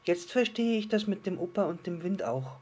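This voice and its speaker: A man voicing a curious, eager little star child in a storybook reading, full of excited questions. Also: high-pitched, normal speed, pitched above the performer's own voice.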